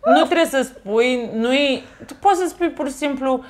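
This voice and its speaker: A young woman from Romania hosting a casual chat, earnest and excitable, often breaking into laughter. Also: high-pitched. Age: young adult. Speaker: host.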